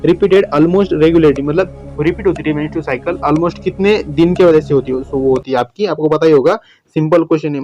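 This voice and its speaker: A man solving exam questions as a biology teacher, chatty, often saying "okay", reading English questions slowly word by word. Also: on the high side, mellow, no echo, muffled recording. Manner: chatty, repeats "okay" and "friends", many restarts. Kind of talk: exam-prep lesson, solving MCQs.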